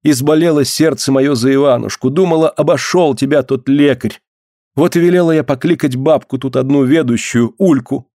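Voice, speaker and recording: A man's voice: medium pitch, normal speed, dry recording, clean studio sound, voice pushed up, close to an everyday voice. A man voicing a guilt-stricken boyar's wife. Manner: archaic, pleading, hushed. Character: grieving guilt-stricken old-Russian boyar's wife, middle-aged woman. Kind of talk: audiobook reading.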